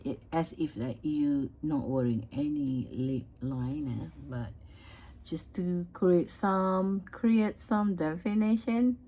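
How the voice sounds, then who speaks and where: Woman beauty vlogger, low pitch, meandering chatty delivery full of restarts. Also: slow, dark tone, rough recording. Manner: rambling, chatty, many fillers and restarts. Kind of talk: casual makeup chat.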